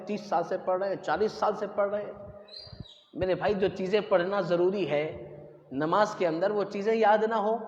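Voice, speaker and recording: Male preacher, very high voice, earnest exhortation, long reverb of a mosque hall. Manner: earnest, repetitive exhortation with rhetorical questions. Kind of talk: Friday sermon. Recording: echoey hall, dull lo-fi mic.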